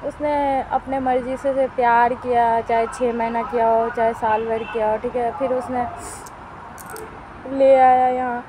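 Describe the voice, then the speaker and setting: A middle-aged woman vlogger with a slightly high voice speaks to her viewers at a measured pace and level tone, with noisy background sound. Sitting outdoors by a wood stove at home, she complains plaintively and keeps circling back to the same points.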